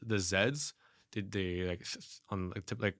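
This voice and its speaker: A man's voice: deep voice, fairly even intonation, normal speed, fairly bright tone, no room sound, studio quality. A young man hosting a podcast in casual chat, rambling with lots of fillers and swearing freely. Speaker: podcast host.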